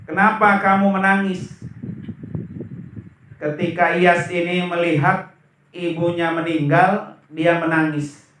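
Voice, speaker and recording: A man preaching at a memorial gathering, slow and emphatic, asking his listeners questions. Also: high-pitched, a bit bright. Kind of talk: sermon. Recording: echoey room, voice from far off.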